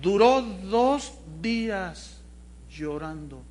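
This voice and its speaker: A man's voice: sits high, animated, drawn-out words, darkish tone, exaggerated voice. A man playing an anxious mother reporting her daughter's tears to the pastor, earnest and pressing. Her voice sits near the preacher's own, a little raised as he quotes her. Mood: worried. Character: worried mother of a young girl.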